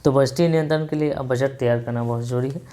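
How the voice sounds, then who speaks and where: A man's voice: mid-range voice, fairly even intonation, fast, dark tone. A male teacher going through exam questions with students, repeating each answer and often checking in with them. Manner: repetitive, keeps saying "ठीक है" and addressing students affectionately. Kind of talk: exam revision lesson.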